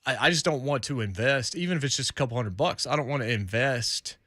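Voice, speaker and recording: A man's voice: medium pitch, fast talker, a bit bright, dry recording, clean studio sound. An American man hosting a talk show in a casual, conversational style. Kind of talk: casual chat, reading out listener comments.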